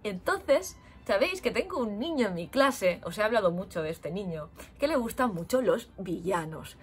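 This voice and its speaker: Lively Spanish woman telling stories. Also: mid-range voice, normal speed. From Spain. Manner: animated, acting out children's voices. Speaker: English teacher in Japan. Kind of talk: storytelling vlog.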